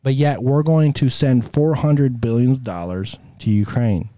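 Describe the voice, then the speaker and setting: American man with a sore throat, dark-toned. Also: medium pitch, a little slow, dry recording. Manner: emphatic, exasperated, colloquial. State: sore throat with coughing and throat clearing. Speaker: host of a political commentary show. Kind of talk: opinionated political monologue.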